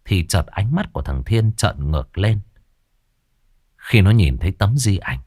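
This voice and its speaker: A man tells a ghost story in an expressive way. His voice is fairly low and rises and falls a lot. The recording is dry and close. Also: a little slow, breathy edge, no room sound. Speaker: narrator.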